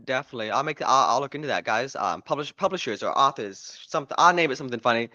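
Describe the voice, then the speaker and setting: A man's voice: medium pitch, expressive, quick pace, sharp tone, no room sound, lo-fi sound. A man hosting his own podcast livestream, chatting casually and rambling, joking and cutting himself off mid-thought. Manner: joking, rambling, self-interrupting. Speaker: podcast host and author.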